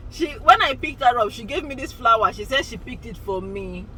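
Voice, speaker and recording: A woman's voice: on the high side, animated, moderate pace, bright, forceful tone, a little hiss or hum, rough recording. A woman in her forties, chatting casually and rambling to her vlog viewers, often laughing. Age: 40s. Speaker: vlogger. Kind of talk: casual chat to camera.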